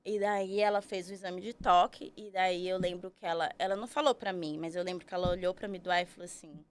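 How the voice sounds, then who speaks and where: A woman's voice: fairly low pitch, steady tone, fairly quick, clean tone. A woman, telling her story as a podcast guest, chatty and full of tag questions. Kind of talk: casual storytelling.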